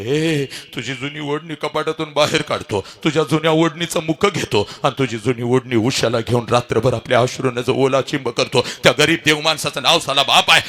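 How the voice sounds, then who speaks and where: A male motivational speaker with a forceful, bright, fairly high voice. He delivers an emotional speech, swinging between hushed murmurs and shouted refrains, and repeats lines for effect.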